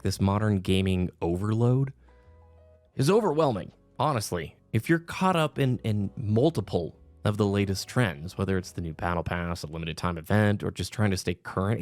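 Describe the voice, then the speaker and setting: Male commentator, fairly deep, earnest and emphatic, reflective opinion delivery with light music underneath. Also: darkish tone. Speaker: video game commentator. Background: background music.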